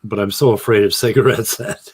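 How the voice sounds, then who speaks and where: A man's voice: on the low side, steady tone, fairly quick, husky, no room sound, rough recording. A man in a casual video-call debate who argues earnestly and explains his point with long examples. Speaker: critic in a debate on creation and science.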